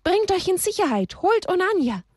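Woman doing a donkey mother, protective, frantic, high and loud. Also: sing-song, normal speed, dry recording, clean studio sound. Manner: frantic, shouting warnings.

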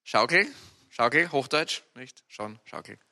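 A man with an Austrian accent preaching a sermon, telling personal stories in a lively, animated way with sudden loud outbursts. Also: mid-range voice, a little slow. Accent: Austrian German.

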